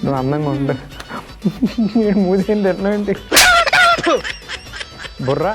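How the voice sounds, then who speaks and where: A man hosting a talk show, teasing his guest in quick, playful banter. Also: sits high, muffled recording. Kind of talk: playful casual chat. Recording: loud music underneath.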